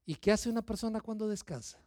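High-voiced pastor preaching. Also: male voice, fast, no echo, studio quality. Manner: lively, questions the congregation, acts out listeners' excuses. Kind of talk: sermon.

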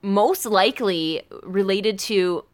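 A woman, co-hosting a casual chat and telling animated stories with lots of laughter. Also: mid-range voice, slow. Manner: animated storyteller, laughs often, acts out voices. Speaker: podcast co-host.

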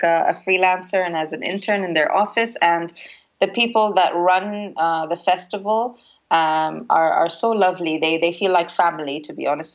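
A woman in her thirties, a musician, answering interview questions in a hesitant way with many restarts. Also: fairly low pitch. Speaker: interviewee, musician and former teacher. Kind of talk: conversational interview. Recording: dull lo-fi sound with faint noise.

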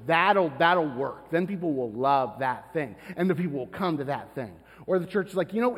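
Husky, lively pastor in a church hall. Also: male voice, high-pitched. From Florida. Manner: conversational, storytelling, self-deprecating asides. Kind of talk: sermon. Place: church sanctuary. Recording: long reverb of a church hall.

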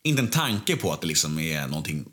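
A man's voice: a bass voice, sing-song, a bit bright. A man guest telling a candid story in casual conversation, bluntly and with plenty of swearing.

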